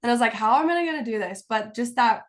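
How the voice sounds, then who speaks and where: Her voice runs fairly high, animated and fast, with a touch of stuffiness from a cold. The woman, a content creator, is a guest on a laid-back video-call interview at home, chattering in a giggly, bubbly ramble packed with "like"s.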